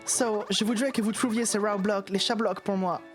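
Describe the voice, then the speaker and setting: A woman's voice: mid-range voice, normal speed, faint music behind, lightly acted. A woman voicing a snooty male block collector from a video game, speaking French sprinkled with mock-posh English words. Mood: polite, coaxing. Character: snooty male block collector, impatient boss of Bowser's world. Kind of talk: reading game dialogue aloud in voices.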